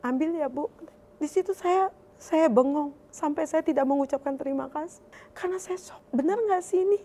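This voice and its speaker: A woman telling her personal faith testimony in an emotional, heartfelt way, her voice climbing higher as she recounts her prayers. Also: normal speed, dark tone. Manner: emotional, voice rising high when recalling prayers. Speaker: testimony speaker.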